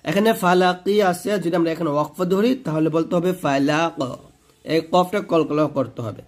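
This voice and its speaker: A man's voice: on the high side, moderate pace. A man with a Bangladeshi Bengali accent, a Quran teacher giving a word-by-word pronunciation lesson. He spells out syllables one by one, drawls the recited words and asks the listener to repeat after him.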